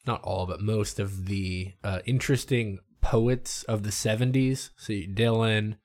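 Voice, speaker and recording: A man's voice: fairly low pitch, fairly even intonation, unhurried, darkish tone. A man in casual conversation about music, talking in loose, rambling sentences with many restarts.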